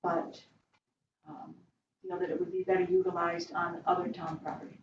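A woman's voice: fairly low pitch, little pitch movement, normal speed. A woman board member leading a discussion at a meeting. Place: indoor meeting room around a large table. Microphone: far room mic on a video call. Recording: echoey room, distant mic, dull, noisy.

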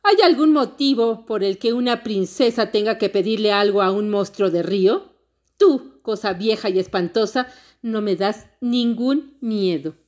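A woman's voice: mid-range voice, animated, normal speed, few pauses, a little mellow, close to an everyday voice. A woman voicing a fearless, proud young girl princess in a storybook read-aloud, talking boldly and haughtily. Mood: haughty. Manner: bold, haughty.

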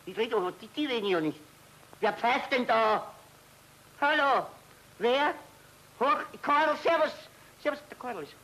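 A man's voice: very high voice, lively intonation, normal speed, vocal fry, pushed and bright, exaggerated voice, low-quality recording. An anxious, fussy man; stammering, rambling, old-film comedy. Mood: fretful. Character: fussy flustered Austrian man, anxious about travel. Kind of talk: 1930s film comedy acting.

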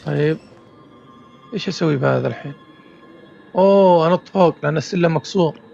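A man's voice: a little high, quick pace, creaky, a little mellow, dull audio, soft background music. A young man commentating as he plays a horror game, talking himself through each step with nervous exclamations. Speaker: gamer.

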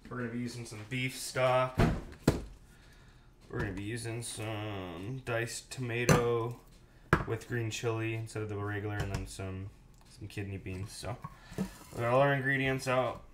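A man's voice: medium pitch, steady tone, a little slow, reverberant. A man in his thirties chatting casually as he cooks in a small home kitchen and answers live chat. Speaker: cooking show host. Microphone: fixed camera mic, host moves around. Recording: noisy kitchen, running water.

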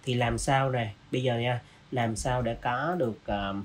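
A man hosting a design software tutorial, casually walking through each step with lots of fillers. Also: mid-range voice, steady tone, measured pace. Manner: casual, walks through steps with many fillers. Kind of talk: screen-recorded software tutorial.

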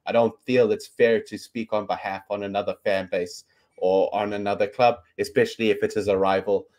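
Over a webcam video call from his bedroom, a podcast host in his thirties, a South African whose first language is Afrikaans, chats casually about sports. His voice is on the low side, steady, brisk and a little mellow, and he rambles with many ums.

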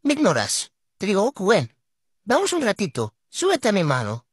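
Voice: mid-range voice, huge pitch swings, moderate pace, husky, dry recording, clean studio sound. A vlogger speaking through a voice changer filter that swaps the apparent gender, scolding their pet to camera in an exasperated, mock-dramatic way. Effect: voice changer filter, gender-swapped sound.

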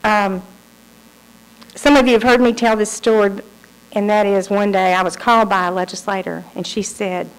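A woman's voice: mid-range voice, moderate pace, clear, resonant tone, low-quality recording. A woman giving a lecture, telling stories and acting out the people in them. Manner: lively storyteller acting out quoted people. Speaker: speaker. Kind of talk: lecture with storytelling.

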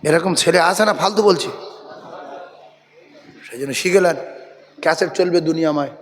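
High-voiced preacher in a reverberant hall. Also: male voice, moderate pace, a little hiss or hum. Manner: animated, calls on the crowd to repeat loudly. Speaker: Islamic preacher. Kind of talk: Bengali waz sermon.

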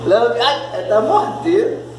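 A woman's voice: fairly high pitch, sing-song, slow pace. A woman filming her puppies at home, talking to them in a coaxing, repetitive, soothing way. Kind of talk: casual home video. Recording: echoey room with loud background noise.

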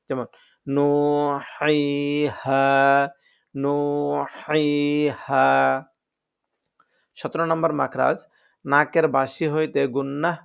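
Gravelly man teaching pronunciation. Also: medium pitch, a bit bright, muffled recording. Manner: drills letter sounds slowly, repeating each one; patient, explanatory, addresses viewers as friends. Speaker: Quran recitation teacher. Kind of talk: step-by-step pronunciation lesson.

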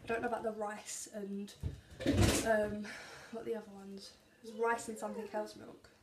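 This young adult vlogger, speaking at a normal speed in a medium-pitched voice with little pitch movement, narrates a grocery haul from a small home kitchen. She reads out labels and calorie counts to the camera at arm's length, and the room is echoey with some background noise.

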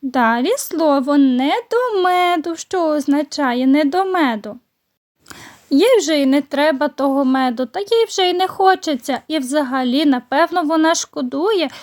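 A woman primary school teacher giving a recorded lesson to young children, slowly and patiently explaining each word. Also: high voice, darkish tone.

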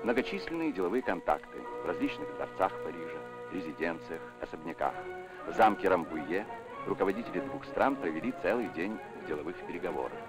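A man's voice: deep voice, big pitch swings, fairly quick, poor audio. A man narrating a 1960s newsreel with a formal, declamatory announcer delivery, old newsreel sound. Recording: narration over loud music.

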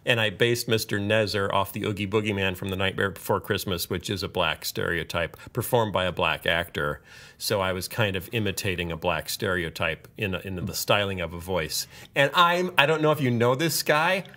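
A man's voice: deep voice, moderate pace, sharp tone. A man chatting casually on a podcast, joking and mocking himself, often restarting his sentences. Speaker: podcast host and voice actor.

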